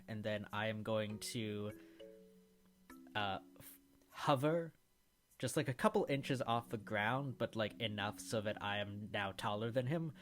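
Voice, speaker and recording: A man playing a tabletop game, describing his moves casually and deliberately. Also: lowish voice. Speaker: player.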